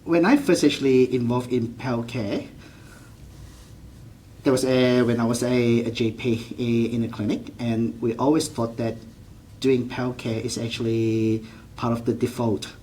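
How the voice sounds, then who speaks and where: A Malaysian general practitioner in his forties answers interview questions earnestly, his medium-pitched voice steady, unhurried and dark in tone. He speaks with a Malaysian accent, often restarts his sentences and uses non-standard grammar. The audio is poor, with a little hiss or hum.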